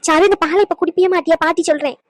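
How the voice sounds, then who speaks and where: A woman's voice: high voice, fairly even intonation, fairly quick, a little mellow, no room sound, lightly acted. Woman voicing a tearful old cartoon grandmother. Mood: insistent. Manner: pleading, then scolding. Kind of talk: cartoon voice acting.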